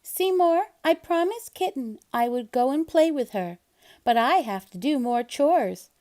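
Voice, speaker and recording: Storybook young male cat, female reader: excitable, sing-song, high-pitched, very animated. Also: a little slow. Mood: eager, bright.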